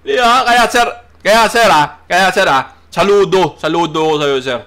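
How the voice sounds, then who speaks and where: A man's voice: high voice, expressive, normal speed, pushed and bright. A man hosting a reaction video, talking casually with frequent laughs, swearing and filler tags. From Philippines.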